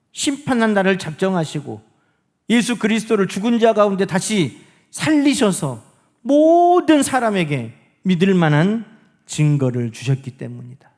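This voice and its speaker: A male pastor preaching a sermon in church. He asks the congregation questions and swings between loud emphasis and hushed, near-whispered lines. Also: high-pitched. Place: church sanctuary.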